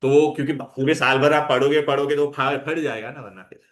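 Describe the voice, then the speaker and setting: A man's voice: mid-range voice, fairly even intonation, brisk. A man teaching chemistry in a classroom, coaxing his students along and mixing in English terms. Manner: coaxing, calls students "beta", mixes Hindi and English. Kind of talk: classroom lecture.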